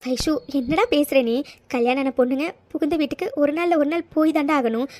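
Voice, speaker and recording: A woman voicing a loving middle-aged mother in a cartoon story, coaxing and gently scolding her daughters. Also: high voice, fairly quick, natural voice. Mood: tender. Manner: soothing, coaxing with "ha?" tags.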